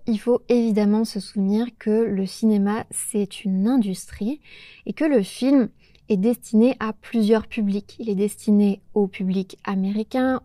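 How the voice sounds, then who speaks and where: A young French woman hosting a podcast for learners, talking slowly and carefully with small pauses. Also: medium pitch, warm tone, dry recording, studio quality. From France. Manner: slow, careful, with pauses and hesitations. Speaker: podcast host teaching French. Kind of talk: clear, measured solo talk for learners.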